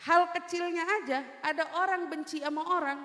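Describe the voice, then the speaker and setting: A woman from preaching in a high voice, animated and teasing, slipping from street slang into Arabic phrases. She sounds like a preacher addressing a women's study group. The sound is roomy, with a long echoing tail from a big prayer hall. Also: fairly quick. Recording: echoey hall with long reverb.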